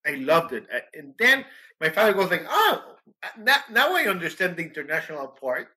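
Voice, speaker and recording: A man's voice: a little high, big pitch swings, normal speed, sharp tone, low-quality recording. A man from Mexico, a pediatrician answering interview questions animatedly with frequent restarts.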